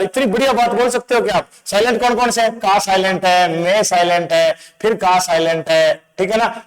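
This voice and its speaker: A man teaching an exam-prep lesson, playful and asking quick quizzing questions over and over. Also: high voice, poor audio. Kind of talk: exam-prep lecture with memory tricks.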